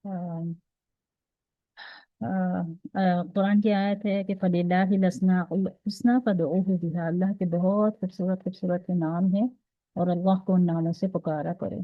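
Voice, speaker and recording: A woman's voice: lowish voice, no echo, phone-quality sound. A woman with a Pakistani Urdu accent teaching an online Quran recitation class, explaining step by step and often checking that her students follow. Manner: patient, explains step by step with frequent "theek hai?" checks.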